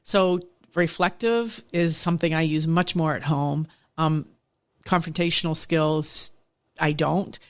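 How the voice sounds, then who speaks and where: A woman's voice: low-pitched, steady tone, unhurried. A middle-aged woman, a nonprofit director, telling personal stories in a candid, reflective interview. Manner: reflective, candid storytelling with frequent restarts. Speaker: nonprofit executive director, podcast guest. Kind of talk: conversational interview.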